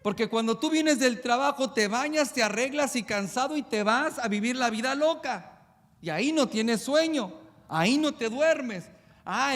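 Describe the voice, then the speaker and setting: A male pastor, preaching a sermon with emphatic, rapid-fire rhetorical questions. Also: very high voice, fairly bright tone, in a large hall.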